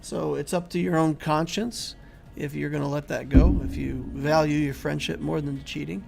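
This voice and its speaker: A man hosting a casual game livestream, reading and answering viewer chat in a rambling, conversational way while he keeps losing his voice and clearing his throat. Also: on the high side, little pitch movement, moderate pace, over loud music. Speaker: YouTube game channel host.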